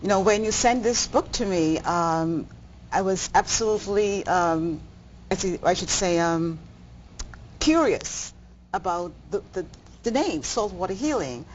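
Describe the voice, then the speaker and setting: A woman's voice: fairly low pitch, lively intonation, a little slow. A woman hosting a cable TV interview, hesitating with many ums and restarts. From Bahamas. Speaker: talk show host. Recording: dull audio, faint noise.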